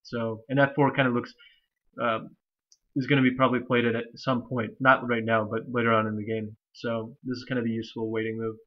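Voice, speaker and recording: A young man with a stuffy, nasal voice talks through a chess game in a rambling, casual way, full of fillers and restarts. His pitch stays flat and even. The recording is slightly dull and lo-fi, like a home computer mic. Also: brisk. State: stuffy from allergies. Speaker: chess commentator.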